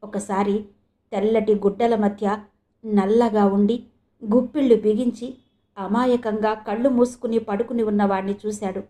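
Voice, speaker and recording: A woman from coastal Andhra narrating an audio novel in a steady storytelling manner. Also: mid-range voice, moderate pace. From coastal Andhra, India.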